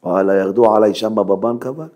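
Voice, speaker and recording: A man preaching as a rabbi, dramatic and emphatic, swinging from hushed near-whispers to loud exclamations and rhetorical questions. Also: lowish voice, steady tone. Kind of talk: Hebrew sermon.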